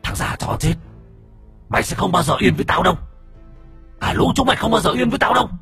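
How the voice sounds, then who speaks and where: A man's voice: lively intonation, fast talker, fairly bright tone, slightly rough, soft background music, heavily acted. A man voicing a vicious shape-shifting demon that taunts, begs and curses in an audio story. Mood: shrill cursing. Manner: taunting, then shrill wailing and cursing.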